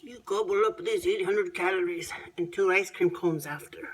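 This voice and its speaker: A woman's voice: lowish voice, normal speed, breathy edge, rough recording. An American woman doing a comedic redneck food review in a folksy country drawl, with hammy, exclamatory delivery.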